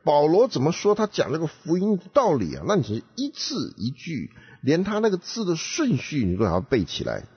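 A man co-hosting a talk show, explaining and urging his point with frequent rhetorical questions. His voice sits slightly high and swings through a very wide melody, with a breathy, husky edge. The recording sounds muffled and lo-fi. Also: huge pitch swings, normal speed. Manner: emphatic, instructive, rhetorical questions. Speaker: co-host giving advice.

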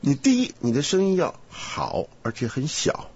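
Husky lively man on a lo-fi recording. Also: medium pitch, moderate pace. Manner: animated, laughing, rambling asides. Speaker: host. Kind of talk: casual Bible study chat. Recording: dull lo-fi recording.

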